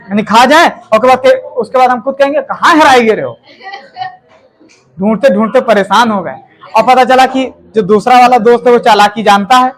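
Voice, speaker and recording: A man teaching a grammar lesson in a chatty classroom style, checking in with listeners and acting out example sentences in different tones. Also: very high voice.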